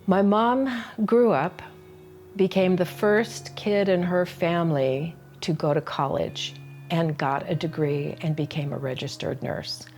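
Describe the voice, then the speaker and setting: Older woman, low voice, slow pace, earnest, confiding, storytelling teacher. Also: steady tone, darkish tone, a little hiss or hum. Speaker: solo-performance teacher. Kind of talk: personal storytelling lesson.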